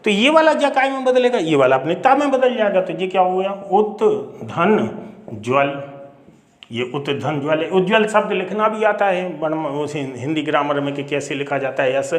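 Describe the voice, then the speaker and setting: A man's voice: a little high, reverberant. A man teaching Hindi grammar, explaining step by step, repeating words and asking rhetorical questions. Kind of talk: classroom lesson.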